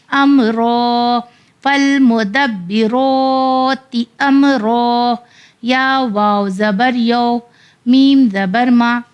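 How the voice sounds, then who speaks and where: Woman, Quran reading teacher, high voice, unhurried sounding-out drills alternating with quick explanations. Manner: spells letters and vowels out slowly, then explains rapidly. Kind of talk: slow syllable-by-syllable spelling drills between fast explanations.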